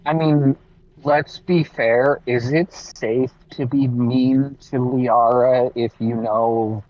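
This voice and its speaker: A man's muffled voice heard as if through a wall, unhurried and joking. It comes over a dull, lo-fi voice chat from inside a car. He drawls slowly and casually. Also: mid-range voice, steady tone. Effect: muffled, dull sound, as if through a wall. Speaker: guest joining a game stream by voice chat.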